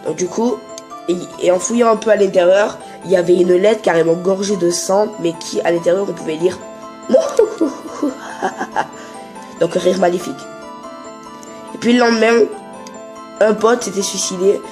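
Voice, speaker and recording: A man's voice: high voice, steady tone, moderate pace, over music. Rambling, joking teenage guy vlogging. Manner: rambling, joking, full of fillers and restarts. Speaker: YouTuber. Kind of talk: casual vlog chat.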